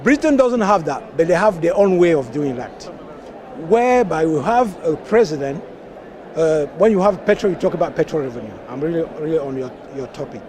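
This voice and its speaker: A man's voice: fairly high pitch, animated, brisk, a crowd in the background. A man from Cameroon, a party member, speaking earnestly and with passion in an outdoor street interview. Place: outdoors at a conference venue, street traffic.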